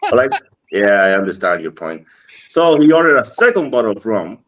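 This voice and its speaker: A man's voice: fairly low pitch, very animated, moderate pace. A man from the Dominican Republic with a Dominican Spanish accent, telling a story casually, acting out the dialogue and often laughing. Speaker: cigar industry guest. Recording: dull lo-fi stream audio.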